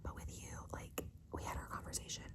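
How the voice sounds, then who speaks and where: A woman playing a doting, flirtatious teacher in a whispered ASMR role-play, speaking in a soft, breathy, creaky whisper as if confiding a secret, often pausing to seek agreement. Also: close to an everyday voice. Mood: reassuring, conspiratorial.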